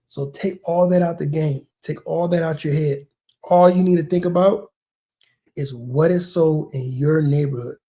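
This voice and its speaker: Here a realtor from near a large Texas city hosts his own video and talks through a process in an easygoing way, with plenty of repeated words and frequent "man" and "bro." His slightly high, mellow voice stays fairly even in intonation at a normal speed.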